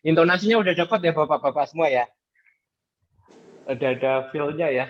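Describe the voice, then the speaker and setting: A man's voice: fairly high pitch, fairly quick, dry recording. A man casually explaining a group ice breaker on a video call, chanting the lyrics as he demonstrates. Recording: dull lo-fi video call audio.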